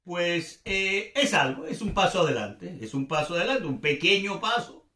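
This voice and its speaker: This older man from Venezuela has a high, sharp, expressive voice with a Venezuelan accent and talks at normal speed. He hosts and comments informally without preparation, groping for words and repeating phrases to stress them, in a room full of echo.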